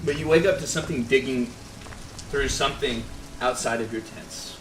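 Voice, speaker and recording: A man's voice: mid-range voice, normal speed, roomy sound, far from the mic, a little hiss or hum, poor audio. A man running a tabletop game as game master, narrating casually and laughing often.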